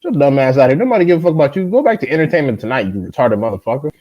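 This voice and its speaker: Animated ranting man, dull lo-fi audio. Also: mid-range voice, racing, a loud crowd. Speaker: podcast guest. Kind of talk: casual profane chat.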